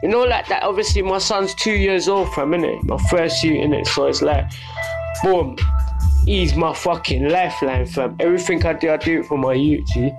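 A middle-aged man with a south London accent talks in a high voice for a man. He chats casually as a podcast host, peppering his talk with street slang, swearing and tag questions. Music plays clearly behind him. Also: normal speed. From Brixton, south London.

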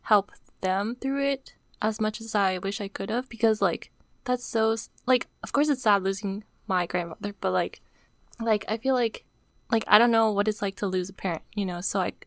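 Young woman, podcast co-host, teary, fills every pause with "like", dry close sound. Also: medium pitch, no echo. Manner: says "like" constantly, emotional and on the verge of tears. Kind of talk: casual chat.

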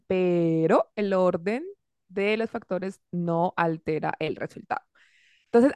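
Young woman, mid pitch, dry close mic, relaxed joking chat. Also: no room sound. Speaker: podcast co-host. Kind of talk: casual chat.

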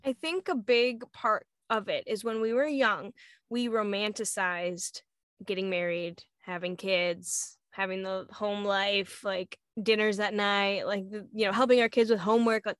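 A woman co-hosting a podcast in casual chat, with a loud and emphatic way of talking. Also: medium pitch, measured pace, clear, resonant tone, no echo, studio quality. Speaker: podcast co-host.

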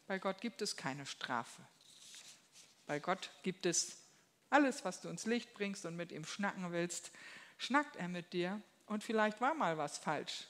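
Lively woman preaching. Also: medium pitch, a little hiss or hum. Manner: lively, folksy, acts out quoted voices. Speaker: lay preacher. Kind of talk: conversational sermon. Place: church hall, seated at a table.

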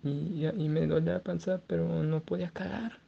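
A man's voice: on the high side, little pitch movement, moderate pace, gravelly, slightly rough, highs cut off. A queasy young man with a Mexican accent, rambling crudely in a casual video diary. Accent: Mexican Spanish.

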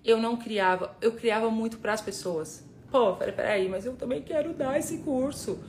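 A woman's voice: on the high side, normal speed, darkish tone, a little hiss or hum. A woman hosting a casual motivational live stream, talking straight to her viewers, emphatic and repeating words for force. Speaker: live-stream host, personal development facilitator.

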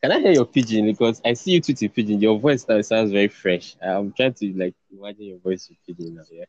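A man's voice: fairly low pitch, quick pace, a little mellow, dry recording. A man with a Nigerian accent hosting a casual chat, friendly and teasing, often restarting his sentences. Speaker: podcast host. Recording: dull, dry lo-fi audio.

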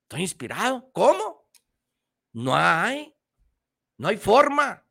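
A man's voice: high-pitched, wildly swooping pitch, takes it slowly, gravelly, sharp tone. A middle-aged man with a Mexican accent giving a slangy, emphatic motivational talk on the radio, repeating his points. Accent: Mexican Spanish.

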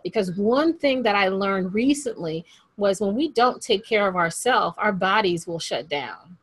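A woman's voice: mid-range voice, lively intonation, a little slow, husky. A woman hosting a podcast interview, upbeat and chatty, repeating phrases for emphasis. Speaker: podcast host.

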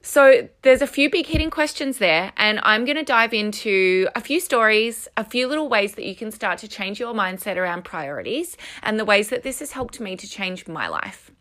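A woman's voice: medium pitch, very animated, moderate pace, hardly any pauses, fairly bright tone. A woman hosting a solo podcast, talking earnestly and encouragingly to listeners, recorded at home with headphones used as the mic. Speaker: podcast host and coach. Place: room at home. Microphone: headphones used as microphone.

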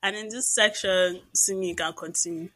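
A woman's voice: lowish voice, steady tone, moderate pace, a bit bright. A woman co-hosting a podcast in casual chat, bantering and laughing often. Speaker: podcast co-host.

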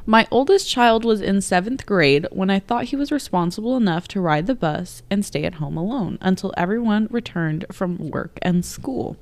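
A woman's voice: medium pitch, expressive, moderate pace, few pauses. A middle-aged woman co-hosting a podcast, chatting bluntly and reading stories aloud, swearing casually and laughing often. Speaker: podcast co-host.

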